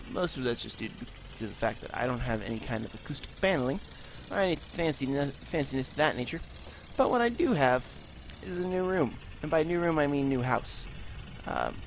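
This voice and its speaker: A gravelly, mid-range male voice delivers casual let's play commentary for his gaming channel, rambling and poking fun at himself. He sounds a bit stuffed up from allergies, recording in a room without acoustic paneling, with a faint hiss or hum.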